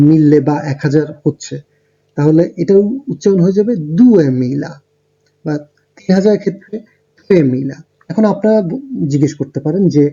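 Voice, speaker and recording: A man teaching a beginner language lesson, explaining step by step with frequent ums and pauses. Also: fairly high pitch, mellow, slightly rough, lo-fi sound. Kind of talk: lesson narration over slides.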